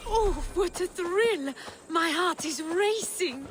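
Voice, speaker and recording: A young noblewoman in a historical video game. She is genteel and playful, teasing as she speaks at an easy, slow pace. There is clear noise in the background. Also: very high-pitched, lively intonation, full character voice. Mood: excited.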